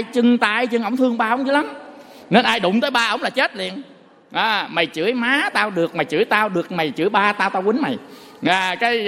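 A man giving a Buddhist dharma talk, a folksy, animated storyteller who quizzes his listeners. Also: high-pitched. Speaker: Buddhist monk. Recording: long hall reverb.

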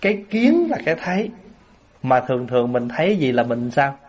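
A man giving a Buddhist sermon to an assembly, telling lively everyday stories. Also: medium pitch, moderate pace. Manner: lively storyteller, acts out everyday scenes with laughter. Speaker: Buddhist monk giving a Dharma talk.

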